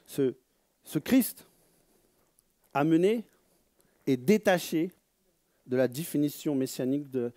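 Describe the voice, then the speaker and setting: A man giving a slow religious teaching, searching for words, repeating them and stressing key words loudly. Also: on the high side, animated, no echo, studio quality. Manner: reads Hebrew phrases aloud.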